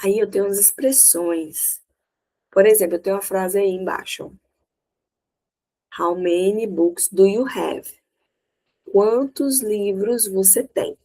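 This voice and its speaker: Woman, Brazilian accent, English teacher, unhurried delivery, step-by-step explanations, keeps asking if the class follows. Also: medium pitch, a little mellow, low-quality recording. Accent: Brazilian Portuguese. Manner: explains step by step, often checks understanding. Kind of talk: recorded lesson.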